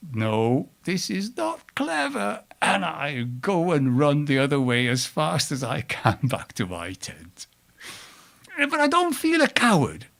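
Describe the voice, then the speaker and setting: A man telling a personal story live to an audience, with wide swings in pitch and loudness and chatty asides to the listeners. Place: storytelling event before an audience.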